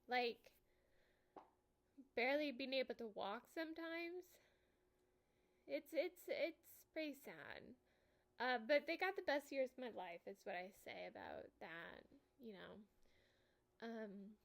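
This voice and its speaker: Middle aged lady, kinda high voice, casual vlog talk, halting n slurred like shes a bit stoned, wry. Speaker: vlogger sharing a personal health update. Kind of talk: casual personal talk to camera.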